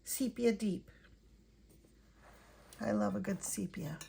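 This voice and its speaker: A tired woman hosting an art channel, chatting softly and thinking aloud while she swatches paints at home. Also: mid-range voice, vocal fry, slight background noise. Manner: soft-spoken, unhurried, thinking aloud.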